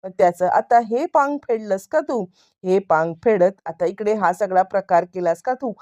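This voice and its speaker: A woman's voice: mid-range voice, normal speed, mellow, dull audio, lightly acted. A woman narrator voicing an angry, heartbroken middle-aged man who was betrayed by his brother, asking pleading, reproachful questions.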